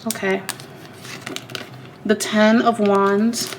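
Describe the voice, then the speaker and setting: Still getting over a cold, this woman reads tarot from a room in her home, addressing viewers head-on with emphasis and plenty of repetition. Her mid-range voice stays level and stretches out its words, and the recording is very noisy.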